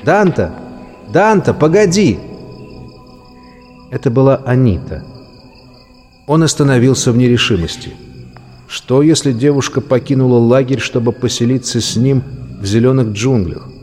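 Man narrating a story over music. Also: mid-range voice. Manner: measured, expressive reading. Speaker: audiobook narrator. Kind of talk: scripted narration. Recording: long reverb with music and crickets.

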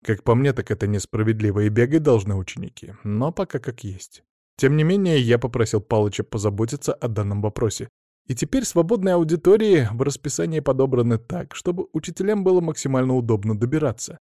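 A man narrating a first-person audiobook in a lively storytelling manner with wry asides. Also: medium pitch, a little fast, dry recording, studio quality.

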